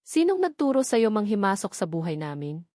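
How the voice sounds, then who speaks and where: A woman's voice: mid-range voice, sing-song, a little fast, warm tone, no room sound, studio quality, lightly acted. A woman reading the lines of a harsh, resentful middle-aged stepfather in a family drama story, in a bitter, accusing way.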